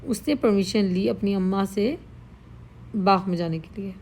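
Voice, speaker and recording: Here a woman teaches Arabic words, her mid-range voice a little mellow. Speaking Urdu with English mixed in, she goes slowly and patiently, repeating each term after explaining it.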